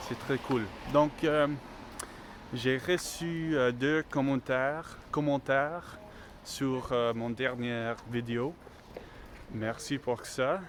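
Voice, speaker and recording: On a street walk, a native English speaker holds his phone and vlogs casually in slow, hesitant French, his speech dotted with fillers and restarts. He speaks at a medium pitch with fairly even intonation, over faint outdoor noise and passing vehicles.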